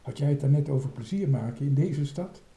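A man voicing an excitable, plump boy sailor who exclaims eagerly, in a storybook reading. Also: mid-range voice, fairly quick, echoey room, pitched above the performer's own voice, lightly acted. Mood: wry.

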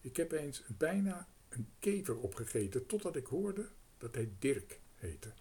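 A man's voice: medium pitch, sing-song, a little slow, mellow, slightly rough. A man voicing a hungry, talkative male crow who rambles and hesitates, in a storybook reading. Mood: musing.

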